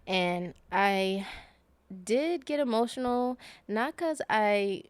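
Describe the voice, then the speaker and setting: A woman's voice: medium pitch, lively intonation, slow, clear, resonant tone, no echo. A woman guest on a podcast, telling a personal story in a rambling, casual way with many fillers and self-corrections.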